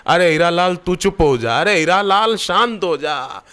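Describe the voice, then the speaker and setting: An exasperated father, voiced by a man, pleading in a raised, strained pitch. He repeats himself again and again, sounding frustrated as he tries to hush a crying child. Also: expressive, measured pace, clean tone, exaggerated voice. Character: exasperated father hushing his crying son.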